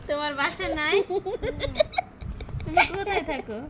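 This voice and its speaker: A woman's voice: very high voice, very noisy. A young woman, coaxing and teaching her small children at home for a casual vlog. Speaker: vlogger mother.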